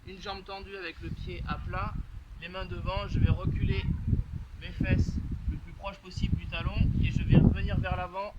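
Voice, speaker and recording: A man's voice: sits high, level tone, normal speed, dull audio. A man coaching a home workout, explaining exercises as he demonstrates them and often checking in with "d'accord?". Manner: talks while moving through exercises, loud bursts on effort; frequent "d'accord?" checks and fillers. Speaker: fitness coach. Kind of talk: workout instruction while demonstrating. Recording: loud background noise.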